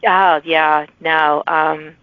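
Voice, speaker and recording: A woman with a low voice hosts a podcast interview, talking flatly and drawing out her words. Her casual chat rambles with many restarts. The tone is clean, but the audio is dry and dull, with a lo-fi quality.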